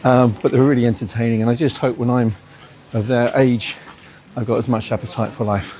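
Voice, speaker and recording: A man chats to his handheld camera on a railway day trip, upbeat, easy and ready to laugh at his own slips. His voice sits at an everyday middle pitch, with a faint hiss of outdoor noise behind him. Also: little pitch movement, a little fast, darkish tone. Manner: chatty, upbeat, self-deprecating. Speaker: travel vlogger. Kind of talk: casual travel vlog narration.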